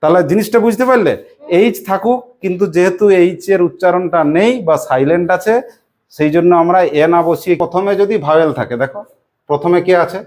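A woman with a West Bengal Bengali accent teaches a primary-level English class through call-and-response drilling. Her lowish, slightly mellow voice moves fairly quickly as she patiently repeats questions and prompts pupils to reply.

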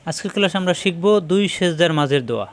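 A man teaching Quran recitation in Bengali, spelling out each syllable step by step and drawing out words slowly when he models them. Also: on the high side, animated. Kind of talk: step-by-step spelling and pronunciation lesson.

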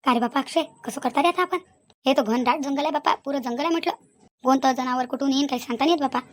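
A woman plays a fretful old village mother-in-law in a cartoon, griping and suspicious. Her voice sits high and the words tumble out at a breakneck clip. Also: natural voice. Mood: worried. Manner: complaining, suspicious, rapid chatter. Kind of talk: cartoon voice acting.

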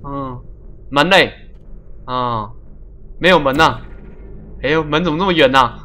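A man streaming a puzzle game live, chatty and excitable, laughing often and making little sound-effect noises as he plays. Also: mid-range voice, measured pace. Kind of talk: live gameplay commentary.

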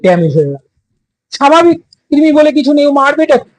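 A man's voice: extremely high pitch, very animated, brisk, dry recording, poor audio. A man, a bird breeder telling a casual story in an emphatic way, often repeating himself and restarting sentences. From West Bengal, India. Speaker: bird breeder and product maker.

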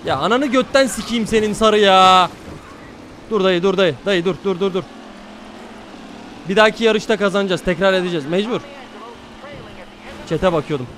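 A man with a high voice commentates his own gameplay live. He swears freely and addresses his viewers as he drives. A faint hum of car engines sits underneath. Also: normal speed, long pauses. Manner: excitable, swears often, talks to chat. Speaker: streamer.

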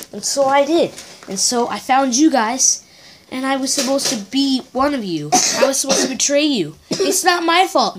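Female voice acting out toy scenes. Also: fairly high pitch. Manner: voices every figure and whispers prompts to a partner. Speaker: toy play narrator. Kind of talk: improvised toy-figure play. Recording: steady background hiss.

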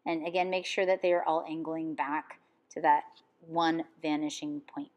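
A woman with a fairly low voice talks through a drawing lesson. She gives calm, step-by-step instructions as an art teacher. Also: moderate pace.

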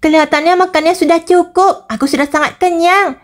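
A woman voicing a kind, polite little girl who talks gently in a story told over a game. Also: extremely high pitch, steady tone, brisk. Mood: content.

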